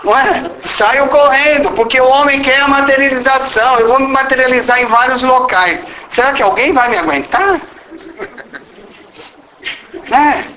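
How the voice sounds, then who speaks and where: Man, spiritist medium, high voice, rhetorical tag questions, channeled lecture. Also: normal speed, pushed and bright, a little hiss or hum, low-quality recording. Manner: speaks as a disembodied spirit guide. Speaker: spiritist medium giving a talk. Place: spiritist association meeting room.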